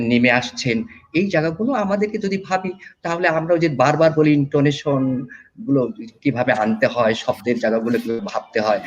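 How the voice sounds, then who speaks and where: A man judging a recitation competition gives spoken feedback in a lively way, sounding out pronunciations aloud to demonstrate them. His voice is mid-range and husky, and the recording is muffled.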